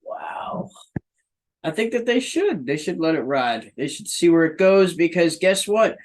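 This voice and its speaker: Laid-back young man, slightly high voice. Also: big pitch swings, normal speed, rough recording. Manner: laid-back, says dude and man a lot. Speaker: podcast co-host. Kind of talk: casual sports podcast chat.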